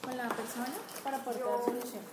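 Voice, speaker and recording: A woman's voice: a little high, flat delivery, fast, a crowd in the background. A woman on an office staff, giving short, polite replies. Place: busy company office.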